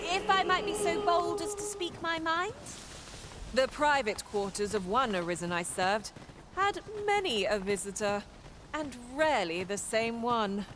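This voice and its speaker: Deferential female mage sidekick for a fantasy game: archaic diction, high, lively delivery. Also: unhurried, slight background noise. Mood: confiding. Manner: mock archaic speech. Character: deferential, helpful female pawn mage, forthright companion. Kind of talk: fantasy video game acting.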